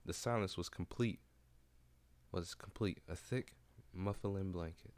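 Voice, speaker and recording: A man's voice: low-pitched, a little slow, a little mellow. A man streaming and reading a visual novel aloud, plain and casual, with asides.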